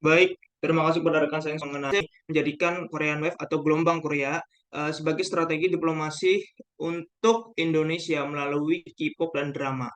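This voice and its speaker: A man's voice: fairly high pitch, steady tone, fairly quick, a bit bright. A young man giving a class presentation, hesitating often with fillers and restarts. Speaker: student presenter.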